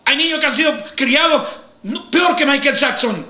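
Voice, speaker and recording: Emphatic preacher with a high, bright voice. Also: male voice, normal speed, roomy sound. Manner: emphatic, acts out quoted voices. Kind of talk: sermon.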